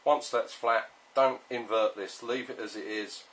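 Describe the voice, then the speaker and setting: A man with a British accent giving a casual hands-on tutorial as an instructor, spelling out each step slowly and repetitively in a patronizing way. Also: medium pitch, steady tone, a bit bright, a little hiss or hum. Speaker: repair instructor.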